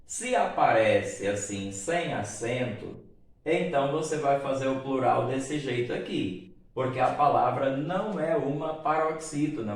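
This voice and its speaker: A Brazilian man teaching grammar at an unhurried, deliberate pace, checking in with the class as he goes. His voice sits at a middle pitch and rings through a very echoey room. He sounds set back from the microphone. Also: recorded from a distance. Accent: Brazilian Portuguese. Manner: slow, patient, explains step by step with frequent "né?" and "tá bom?". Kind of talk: grammar lesson.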